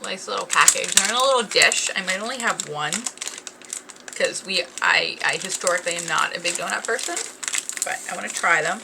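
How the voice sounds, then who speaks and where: A woman's voice: fairly low pitch, a little fast, vocal fry, background noise. A woman hosting a casual snack-tasting vlog, chatting eagerly, reading package blurbs aloud and talking while chewing. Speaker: snack review host.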